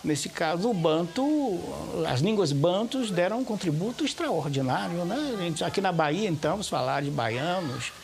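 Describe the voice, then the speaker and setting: A man speaking as a researcher in a documentary interview, measured and explanatory. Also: high-pitched, sing-song, gravelly.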